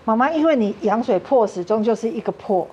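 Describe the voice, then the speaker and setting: A woman's voice: a little high, expressive, brisk, dark tone, highs cut off, a little hiss or hum. A woman with a Taiwanese Mandarin accent, a talk show guest earnestly telling a personal story and acting out what others said. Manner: earnest, acts out quoted dialogue.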